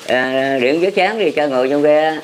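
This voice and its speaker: A man's voice: on the high side, moderate pace. An older man, chatting casually with family and laughing often. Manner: laughs often between remarks. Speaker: elderly scrap collector, father. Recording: noisy handheld recording.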